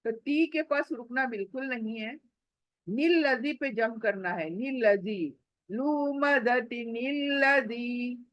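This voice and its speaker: Woman, recitation teacher: high voice, very dry recording, stretches each example slowly before explaining. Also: dry recording, lo-fi sound. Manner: slow drawn-out recitation of examples, then brisk explanation. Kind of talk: online tajweed lesson.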